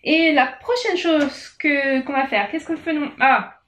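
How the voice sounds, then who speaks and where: A woman's voice: high voice, a little slow, a bit bright, a little hiss or hum. A young woman with a French accent, chatting casually in a vlog, hesitant with many fillers and self-corrections and a self-mocking humor. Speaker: vlogger. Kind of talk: casual vlog, reading aloud and singing.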